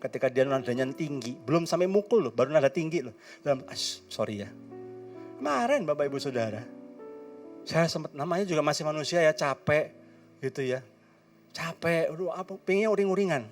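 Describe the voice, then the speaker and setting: A man's voice: a little high, animated, a little fast, distant mic, soft background music. Man in his fifties preaching, mixing in English. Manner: mixes English phrases into Indonesian, playful asides. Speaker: pastor. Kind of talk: sermon. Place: church hall.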